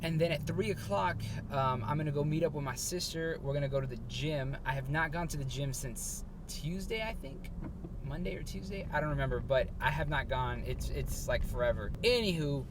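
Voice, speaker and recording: A man's voice: a little high, fairly quick, background noise. Man vlogging casually in a roomy space. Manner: rambling, many fillers and restarts. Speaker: vlogger and small business owner. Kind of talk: casual vlog talk to camera. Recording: roomy echo.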